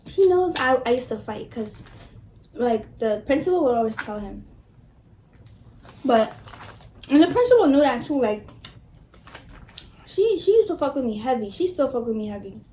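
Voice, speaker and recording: High-pitched young New woman, slangy storyteller. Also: rough recording. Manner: animated, slangy, swearing freely, emphatic. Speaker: vlogger. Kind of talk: casual mukbang storytime. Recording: noticeable background noise.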